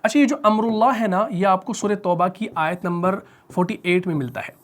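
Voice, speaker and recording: A man with a Pakistani Urdu accent teaching Quran recitation rules, who asks the class questions, answers them himself and stretches out the example words slowly. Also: high-pitched. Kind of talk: spoken tajweed lesson at a whiteboard.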